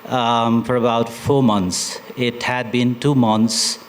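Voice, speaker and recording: A man from Nepal, a poet reading his poems at a literature festival, slow and deliberate, with hesitant asides between poems. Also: medium pitch, level tone, slight background noise, low-quality recording. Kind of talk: poetry recitation with spoken introductions.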